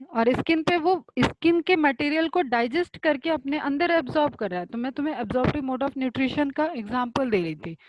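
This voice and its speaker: High-pitched woman teacher, talks students through each term step by step; dry, slightly dull audio. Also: no echo. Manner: explains step by step, asks and answers own questions, reads definitions slowly. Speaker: biology teacher. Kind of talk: online class lecture.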